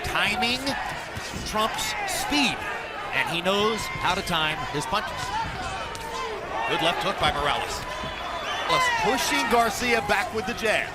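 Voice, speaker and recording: A man calling a boxing match live as play-by-play commentator, with punchy, clipped calls and measured analysis. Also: high-pitched, big pitch swings. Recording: loud arena crowd and noise behind.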